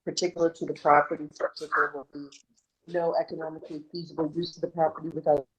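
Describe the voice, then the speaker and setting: A woman's voice: low voice, little pitch movement, fast talker, poor audio. A woman on a video call reads a formal legal standard to a board, her audio choppy and breaking up. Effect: choppy, breaking-up video call connection. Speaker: zoning board staff member. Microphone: remote video call.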